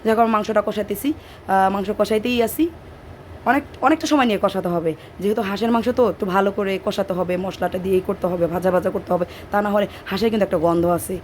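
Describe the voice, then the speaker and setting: A woman with a Bangladeshi Bengali accent and a hoarse voice talks through a home cooking video, drifting into chatty side stories as she works. Her pitch sits mid-range for a woman, and faint household noise hums behind her in the kitchen. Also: fast, a little mellow. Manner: chatty, digressive storytelling while cooking. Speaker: cooking vlogger. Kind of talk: casual cooking narration.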